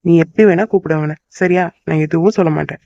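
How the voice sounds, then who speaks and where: A man's voice: fairly high pitch, steady tone, fast talker, gravelly, dark tone, no echo. A man voicing a possessive but tender young boyfriend in a cartoon. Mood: affectionate. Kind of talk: cartoon voice acting. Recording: dull lo-fi dry recording.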